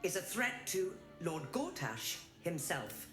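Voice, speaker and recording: An imperious steel guard machine in a fantasy game. It talks slowly and formally with wide, swooping intonation, in a reverberant space over music. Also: female voice, on the low side, very animated, fairly bright tone, heavily acted. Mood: cold, officious. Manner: formal, clipped, officious. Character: cold, officious mechanical steel sentry, imperious. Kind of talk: video game character acting.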